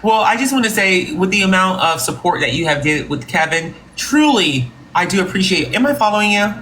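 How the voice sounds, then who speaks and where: A live-stream host playing a company boss in improvised comedy, talking in a mock-formal, drawn-out way. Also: medium pitch, sing-song, sharp tone, slight background noise. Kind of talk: improvised comedy role-play with callers.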